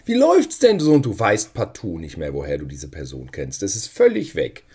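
Male podcast co-host from Germany, husky, lively pitch, stumbling, self-deprecating delivery. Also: moderate pace. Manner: rambling anecdotes with hesitant fillers and self-mocking humor. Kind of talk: casual chat.

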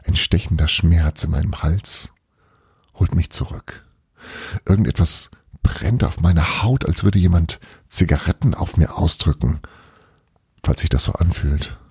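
Husky man with a dark, low voice, reading a first-person novel softly, close and dry. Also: unhurried, no room sound. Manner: hushed, often half-whispered reading. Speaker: audiobook reader.

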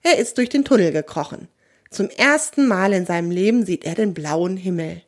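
A woman's voice: lowish voice, expressive, moderate pace. Woman reading a children's story.

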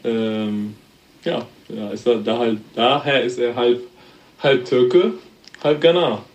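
Slow and mid-range in voice, this podcast guest, a German man in his thirties, talks in a relaxed, rambling way, dropping fillers and laughing often. The audio quality is poor.

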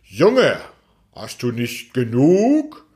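A man gives voice to the good old moon of a storybook, kindly and patient. He asks his question slowly and with a scolding lilt. It is close to the storyteller's own voice. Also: mid-range voice, wildly swooping pitch, dark tone, exaggerated voice. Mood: admonishing.

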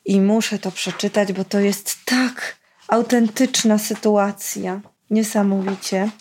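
A woman's voice: medium pitch, steady tone, slow pace, darkish tone, slight background noise. A woman chatting casually about children's books, reading passages aloud and giving the characters voices, with laughs between her remarks. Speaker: children's book reviewer. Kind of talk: casual book review with read-aloud.

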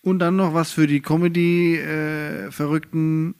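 A man's voice: fairly high pitch, little pitch movement, a little slow, a little mellow, smooth. A man co-hosting a casual podcast, chatty and joking, laughing easily. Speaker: podcast co-host.

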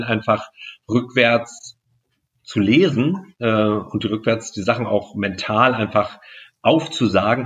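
Man explaining slowly on a dull line. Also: medium pitch, fairly bright tone. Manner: measured and explanatory, with many fillers. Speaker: guest speaker and magician. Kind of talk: podcast interview answers.

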